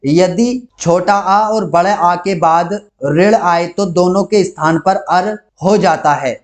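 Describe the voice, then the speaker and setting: A man's voice: sits high, darkish tone. A man teaching an online grammar lesson, walking through each rule and example in a methodical, repetitive way.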